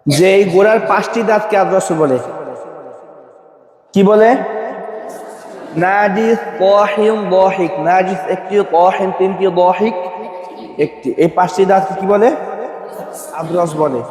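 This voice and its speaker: A man teaching Quran recitation, running a call-and-response pronunciation drill and coaxing his students to answer louder. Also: high voice, unhurried, pauses often. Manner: repeats questions and coaxes students to answer louder. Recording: echoey hall.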